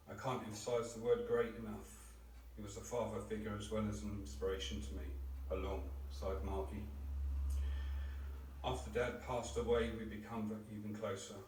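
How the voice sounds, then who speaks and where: Low, even-voiced man reading a eulogy. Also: normal speed, a little hiss or hum. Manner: steady, heartfelt reading. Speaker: relative giving a eulogy. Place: crematorium chapel. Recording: roomy chapel, distant mic.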